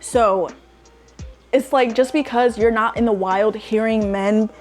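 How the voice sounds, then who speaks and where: A woman's voice: fairly high pitch, steady tone, measured pace, faint music behind. Exasperated young woman ranting emphatically. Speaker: social media commentator. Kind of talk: casual commentary.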